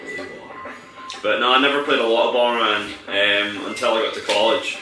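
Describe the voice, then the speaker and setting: A man's voice: on the low side, brisk. A young man chatting casually and at length about games he played, with a rambling, swearing manner. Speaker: podcast co-host playing games. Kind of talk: casual banter while gaming. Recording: echoey room from far off, music behind.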